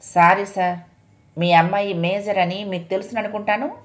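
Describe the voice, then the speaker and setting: A woman voicing a calm, firm police inspector who speaks reproachfully, in a read-aloud story. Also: medium pitch, normal speed, close to an everyday voice. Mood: stern.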